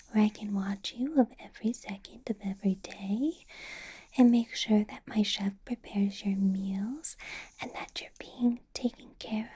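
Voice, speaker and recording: Whispering slowly and breathily at a medium pitch, a woman takes on the role of a menacing, possessive female vampire boss for ASMR roleplay, laughing softly and teasingly as she goes.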